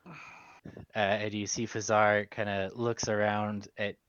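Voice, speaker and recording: Low-voiced male game master, dull mic. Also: flat delivery, unhurried, a bit bright, clear, resonant tone. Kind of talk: casual tabletop game narration.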